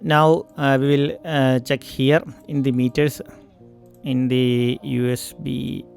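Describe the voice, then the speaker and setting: A man with an Indian English accent walking through audio interface settings in a tutorial, pausing often for mic checks and fillers. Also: medium pitch, flat delivery, creaky, darkish tone, clean tone, faint music behind. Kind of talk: screen-recorded software tutorial. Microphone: studio microphone.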